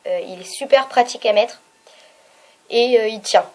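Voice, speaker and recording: A woman's voice: fairly high pitch, moderate pace, darkish tone. A young woman chatting casually as a beauty vlogger, hesitant and full of fillers while she reviews makeup.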